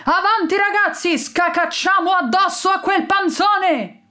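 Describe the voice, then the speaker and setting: A woman's voice: extremely high pitch, a little slow, bright, forceful tone, pitched above the performer's own voice, heavily acted. A woman voicing a brave male pigeon lieutenant who barks military orders. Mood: commanding.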